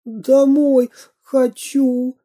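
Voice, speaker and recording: A storyteller voicing a timid, frightened little boy in a storybook reading, pleading in a high, plaintive voice. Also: slow pace, mellow. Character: scared little boy sailor, timid and tearful.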